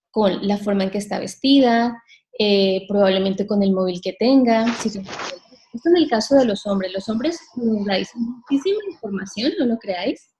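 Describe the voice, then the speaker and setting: A woman leading a live sales workshop, talking straight to her audience with frequent questions and shifting her pace and loudness to stress points. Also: a little high. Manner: addresses the audience directly with frequent rhetorical questions. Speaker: sales trainer.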